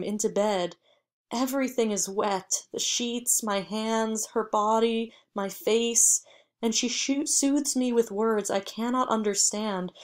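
A woman narrating a short story as an audiobook reader. She reads slowly and evenly, with measured phrasing. Her voice sits at a middle pitch. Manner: measured, even first-person storytelling.

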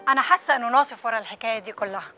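Fading singer, very rapid bright voice, anxious and accusing,. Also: female voice, on the high side, soft background music. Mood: worried. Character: fading pop singer, worried and resentful.

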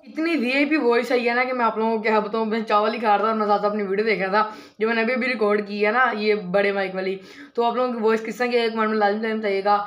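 A man, chatting to viewers in a casual unboxing and mic-test vlog. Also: high-pitched. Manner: chatty, talks straight to viewers, many fillers. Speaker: vlogger.

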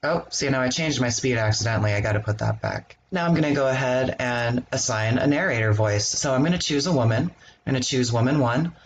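Man calmly explaining software step by step. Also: medium pitch, fairly quick, slight background noise. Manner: relaxed step-by-step explaining with ums. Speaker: software tutorial host. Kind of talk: screen-recorded software walkthrough.

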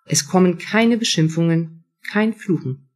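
Give me a woman author with a husky voice reading aloud from her book. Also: fairly low pitch, unhurried, a little mellow, soft background music. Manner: first-person storytelling. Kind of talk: live reading from her own novel.

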